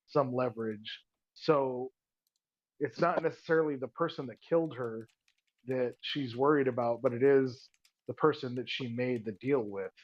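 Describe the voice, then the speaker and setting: A man making his case to the table, rambling and persuasive, often restarting his sentences. His voice sits at an ordinary middle pitch. It comes through a dull, muffled microphone with no room echo at all. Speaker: tabletop player. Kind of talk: casual in-character planning talk. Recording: dull muffled dry mic sound.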